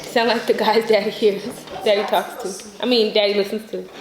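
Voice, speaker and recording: A woman's voice: medium pitch, steady tone, normal speed. A woman vlogger talking casually and upbeat to her viewers, playful when playing a game at home. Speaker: lifestyle vlogger. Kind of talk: casual vlog talk to camera. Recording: echoey room with clear background noise.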